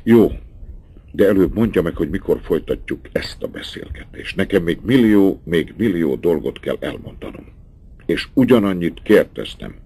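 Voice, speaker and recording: A passionate, ardent young lover, voiced by a male reader who presses his point eagerly. The voice is very low and gravelly, but lively and rising. It is a novel read aloud. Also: full character voice. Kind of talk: audiobook dialogue.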